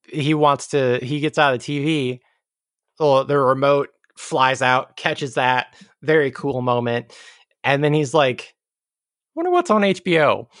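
A man's voice: mid-range voice, level tone, unhurried, fairly bright tone, clear, resonant tone, no room sound, clean studio sound. A man chatting casually as a podcast co-host about a video game, with a wry, jokey, ironic way of riffing.

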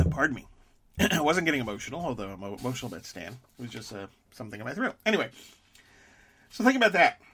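A man hosting a solo podcast, talking in a halting way with many fillers and frequent throat clearing. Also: mid-range voice, sing-song, fairly bright tone, slight background noise. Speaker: podcast host.

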